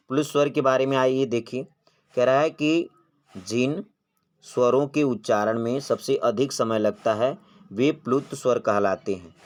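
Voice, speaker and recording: A mid-range male voice runs a grammar lesson for exam prep. The teacher asks questions, answers them on his own, and prolongs vowels when showing how they sound.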